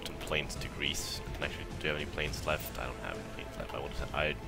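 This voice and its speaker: Loud music plays behind a young man's bass voice as he delivers quick, flat, creaky let's-play commentary on a strategy game. He's from Italy, and his faint accent has softened after years in Sweden. He rambles casually, laughs a lot, and addresses the enemy directly.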